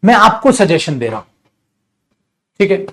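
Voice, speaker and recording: A man's voice: high-pitched, very animated, unhurried, gravelly, fairly bright tone. A man teaching a spoken English lesson, explaining patiently in Hindi and addressing his students affectionately.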